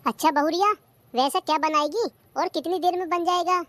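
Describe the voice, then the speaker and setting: A woman's voice: fairly quick, fairly bright tone, dry recording. A performer voicing a bossy, nagging older mother-in-law in a cartoon comedy. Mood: taunting. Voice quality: shrill, nagging.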